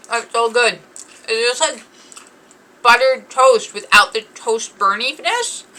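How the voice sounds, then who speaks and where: A woman hosts a casual snack-tasting vlog in a bright, crisp voice. She chats eagerly, reads out package descriptions, and keeps talking while she chews. A faint noise sits under her voice. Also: a little high, slow pace, rough recording. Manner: chatty, gushing, reads package blurbs aloud; talks while chewing. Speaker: snack review host.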